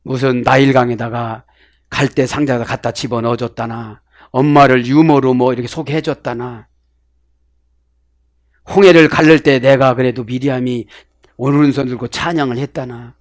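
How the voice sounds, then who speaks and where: A middle-aged male pastor preaching a sermon with Bible word study. He swings between loud exclamations and hushed asides. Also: mid-range voice, fairly even intonation, normal speed, dry recording, clean studio sound.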